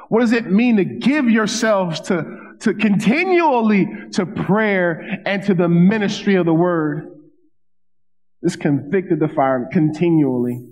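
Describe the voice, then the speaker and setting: A man's voice: on the high side, darkish tone. Man preaching in a reverberant church. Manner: conversational preaching with asides and repeated phrases. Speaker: pastor. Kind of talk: sermon. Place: church stage at a wooden pulpit. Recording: dull sound with long hall reverb.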